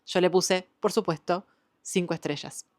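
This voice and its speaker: In a casual book wrap-up, this woman talks eagerly about her recent reads, peppering her speech with "eh" and "em" fillers. She is a book vlogger with an Argentine Spanish accent, a lowish voice, fairly even intonation, and a moderate pace.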